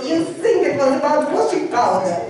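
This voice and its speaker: A woman's voice: high voice, very animated, moderate pace, crowd noise. A woman playing a cheeky, joke-telling Soviet KGB agent in a live comedy double act, with a mock Russian accent and dry, broken English. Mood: mock-serious. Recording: echoey hall from far off.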